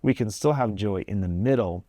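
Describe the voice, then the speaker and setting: A man's voice: fairly low pitch, moderate pace, warm tone. A man hosting his own video, giving a casual, earnest devotional talk in plain everyday language. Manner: conversational, plain-spoken, earnest. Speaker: video host.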